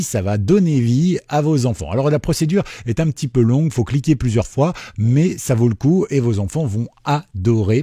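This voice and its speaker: A man hosting a casual software tutorial, chatty and full of self-mocking jokes. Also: mid-range voice, breathy edge, dry recording, studio quality. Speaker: tutorial host. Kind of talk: casual screen-recorded tutorial.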